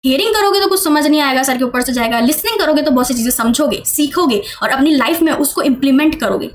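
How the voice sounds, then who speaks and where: A woman's voice: high voice, expressive, fast talker, slight background noise. A woman teaching an exam-prep lesson in a casual, chatty way, often checking in with the listener and asking questions. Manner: chatty, repeats "theek hai" often, asks the viewer questions.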